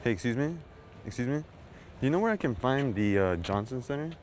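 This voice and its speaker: A man's voice: medium pitch, expressive, brisk, a little mellow, a little hiss or hum. A young man doing a casual, upbeat pickup-line prank vlog outdoors on a campus, chatty and laughing. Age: young adult. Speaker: prank vlogger.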